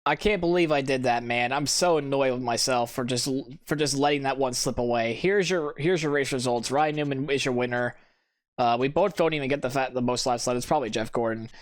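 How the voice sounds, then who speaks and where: A brisk gameplay commentator with a mid-range voice sounds sleepy as he rambles through casual let's-play commentary, self-critical and full of restarts. A racing game's engine noise is loud behind him.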